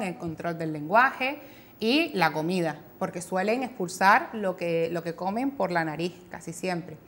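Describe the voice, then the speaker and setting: This speech therapist, a woman with a Canary Islands Spanish accent, appears on a talk show with a fairly bright, mid-range voice. She walks through her explanations patiently and methodically, occasionally imitating kids' mispronounced words.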